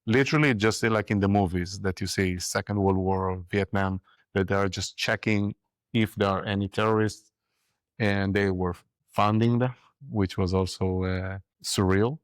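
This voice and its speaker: A man with an Israeli accent and a fairly low voice tells his own story in an interview. He speaks haltingly, pausing and adding reflective asides. The sound is close and dry. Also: fairly even intonation, no echo. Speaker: interview guest, army reserve medic. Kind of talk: personal account in a live interview.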